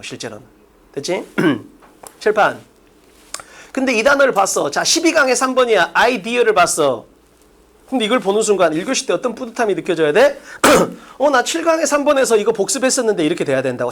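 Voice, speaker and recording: A man teaching an English class, lecturing bluntly in casual speech and drilling students with rhetorical questions. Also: high-pitched.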